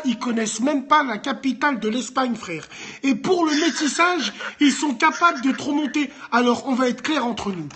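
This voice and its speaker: Male call-in host, husky, high-voiced, with North African influence, blunt slang. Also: a bit bright. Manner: blunt French street slang, Arabic interjections. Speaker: host of a live street debate call-in. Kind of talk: heated casual debate in French street slang.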